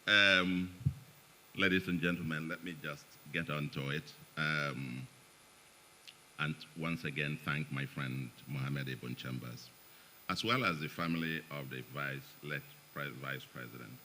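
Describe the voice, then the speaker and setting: Standing before an audience in an event hall, a middle-aged Nigerian-accented guest speaker at an economic forum delivers a partly read speech at a measured pace. His voice rumbles low with a sharp tone, he chats and jokes, chuckling between remarks, and there's slight background noise.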